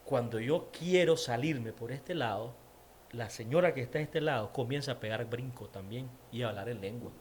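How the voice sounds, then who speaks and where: A man's voice: medium pitch, normal speed, a little hiss or hum. A man with a Nicaraguan accent, an interview guest giving a personal faith testimony, repeating words for emphasis. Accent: Nicaraguan Spanish.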